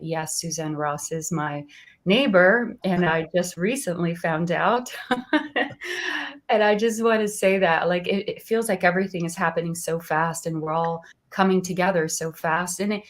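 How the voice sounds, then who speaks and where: A woman, an astrologer guest telling her story in an earnest, soft-spoken way. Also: on the low side. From Brazil. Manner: soft-spoken, earnest, laughs often, frequent restarts. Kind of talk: warm personal interview storytelling.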